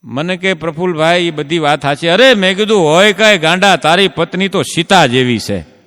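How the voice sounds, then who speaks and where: A man doing folk stand-up jokes, telling stories with drawn-out punchlines and asking the crowd "ha?". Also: fairly high pitch, a bit bright, big-room sound. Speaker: stand-up comedian. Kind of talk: Gujarati folk stand-up jokes for a live audience.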